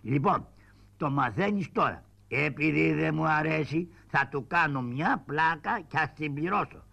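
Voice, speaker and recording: A scrappy, cheeky shadow-puppet trickster, as a man puts him on, with a gravelly, lowered voice and swooping, lively pitch. He talks back fast and mocking, with faint music behind him. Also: heavily acted. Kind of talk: shadow-puppet theatre acting.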